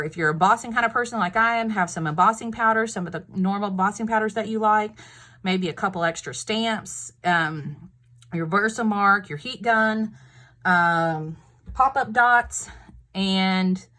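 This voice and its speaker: A woman's voice: mid-range voice, fairly bright tone. A woman with a Texas accent chatting casually about her crafts, rambling with lots of fillers and restarts. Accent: Texan. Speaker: craft vlogger. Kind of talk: casual crafting show-and-tell.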